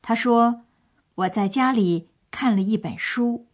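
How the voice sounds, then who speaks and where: A woman's voice: on the high side, slow. A woman presenting a language course with scripted, explanatory storytelling narration.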